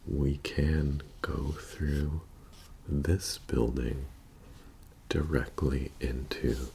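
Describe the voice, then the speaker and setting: A man in an ASMR role-play as a methodical bank heist planner, speaking in a soft-spoken, halting and matter-of-fact murmur. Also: very deep voice, little pitch movement, creaky, a little hiss or hum, exaggerated voice. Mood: calm, methodical. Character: methodical male bank heist crew planner briefing his team.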